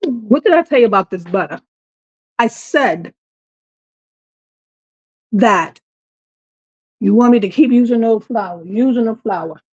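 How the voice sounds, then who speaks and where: A woman chats in her kitchen, piling on exasperated, theatrical complaints. She talks slowly, in a fairly high voice. The audio sounds dull and lo-fi. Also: expressive, darkish tone, slightly rough. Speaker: home cooking vlogger. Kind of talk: casual kitchen chat to viewers. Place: home kitchen.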